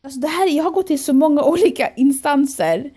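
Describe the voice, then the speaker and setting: A young woman and podcast guest in casual chat, telling a story in lively detail, acting out what she and others said and dropping into English phrases. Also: sits high. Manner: animated storytelling, quoting herself and others.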